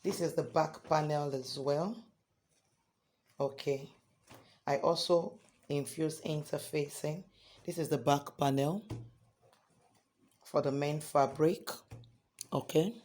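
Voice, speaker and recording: A hoarse man teaching a sewing tutorial step by step, often checking in with "okay?". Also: on the high side, fairly even intonation, takes it slowly, pauses often, a little mellow. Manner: repeats points, ends lines with "okay?". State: hoarse from singing. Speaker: sewing instructor.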